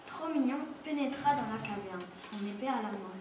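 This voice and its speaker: A woman at a school reading a children's story aloud with steady delivery. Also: a little high, normal speed. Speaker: reader at a school. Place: school room. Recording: echoey room, far from mic, noisy.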